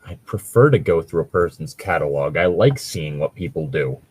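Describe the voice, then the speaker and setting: A man with an extremely low, husky, darkish voice co-hosts a podcast, speaking expressively at normal speed. His casual banter and mock story reading are wry and sweary, with a fondness for puns.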